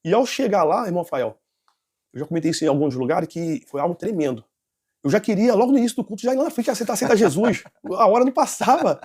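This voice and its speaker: Brief: nervous man, high husky voice, rushed testimony with restarts. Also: animated, a little mellow. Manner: rambling, with restarts and self-corrections. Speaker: interview guest giving a testimony. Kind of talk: personal testimony storytelling.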